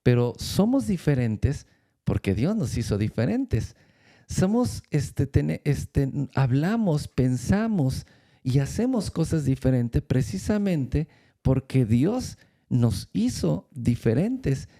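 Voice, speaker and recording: Man, church speaker, gravelly, very dark tone, storytelling with halting restarts. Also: on the high side, very animated. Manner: storytelling with many pauses and restarts. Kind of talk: faith-based storytelling talk.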